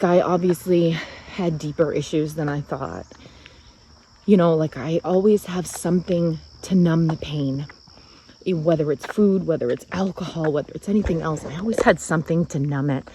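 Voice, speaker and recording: A woman in her forties crying as she talks earnestly in a personal vlog, her words halting and heartfelt. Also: low-pitched, darkish tone, a little hiss or hum, rough recording. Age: 40s. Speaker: vlogger.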